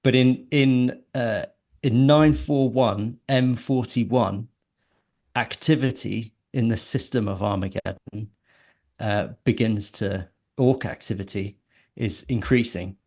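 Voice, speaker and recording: A man's voice: medium pitch, slow, darkish tone. Rambling man telling a lore story. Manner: rambling, many ums and self-corrections. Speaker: podcast co-host. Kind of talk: casual storytelling chat.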